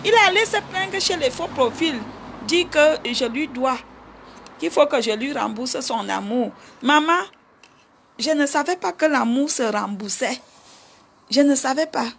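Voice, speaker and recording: A middle-aged woman with a Cameroonian accent, chatting live with her viewers, handing out advice in an animated, chatty way. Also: high-pitched, unhurried, vocal fry, slight background noise. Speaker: vlogger. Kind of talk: casual live chat with viewers.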